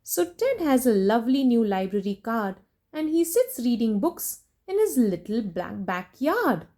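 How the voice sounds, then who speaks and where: An unhurried woman with a higher-pitched voice reads a children's story aloud with plenty of expression. She keeps things animated by turning to the young listeners with direct questions.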